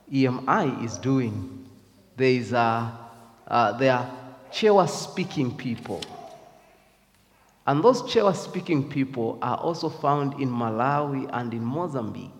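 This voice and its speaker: A man with a Zambian accent gives a devotional talk in a slow, thoughtful way, often hesitating over his words. His pitch rises and falls freely. The voice hangs in a long hall reverb. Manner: reflective, hesitant with many fillers. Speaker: speaker.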